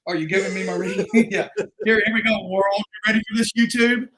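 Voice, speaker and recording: A middle-aged man talking as a guest in a casual conversation, telling stories in a rambling, animated way. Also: sits high, fast. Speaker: guest martial arts instructor.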